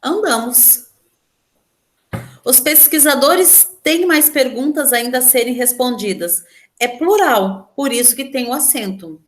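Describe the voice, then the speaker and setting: A woman's voice: high voice, lively intonation, measured pace. A woman teacher with a Brazilian Portuguese accent, patiently explaining a grammar lesson step by step and questioning her students. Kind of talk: online class lesson.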